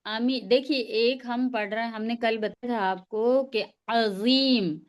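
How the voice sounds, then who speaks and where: A woman with a fairly high voice leads an online pronunciation class over a video call. She speaks patiently and sounds out each letter slowly so her students can copy it. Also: fairly even intonation, clean tone. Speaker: tajweed teacher.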